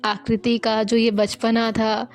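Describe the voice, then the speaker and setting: A woman's voice: a little high, completely flat delivery, takes it slowly, soft background music. A woman narrating a romance story in a plain, conversational storytelling manner.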